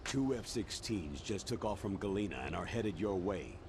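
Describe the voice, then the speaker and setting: Authoritative male colonel, lowish voice, earnest military briefing, video game acting, noise behind. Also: lively intonation, moderate pace. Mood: grave, businesslike. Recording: clear background noise.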